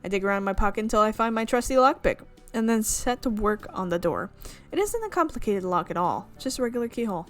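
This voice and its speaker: Faint music sits behind this woman's quick, lively reading of visual novel narration as she hosts a gaming video. Her voice is mid-range, and she keeps tripping up and correcting herself.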